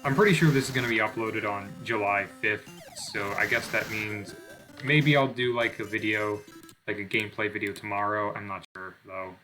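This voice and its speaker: A young man talks over his gameplay in a low but bright, edgy voice. He rambles with lots of fillers and curses, and often makes fun of his own mistakes. Faint music plays in the background. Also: fairly even intonation, moderate pace. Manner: rambling, self-deprecating, swears often, many fillers. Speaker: gaming channel host. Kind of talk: casual gameplay commentary.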